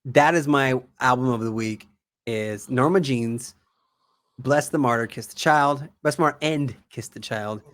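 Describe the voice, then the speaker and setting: A man's voice: mid-range voice, measured pace, a bit bright. A man co-hosting a casual gaming podcast, rambling and profane, who repeats himself as he reads off the show's plugs. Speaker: podcast co-host.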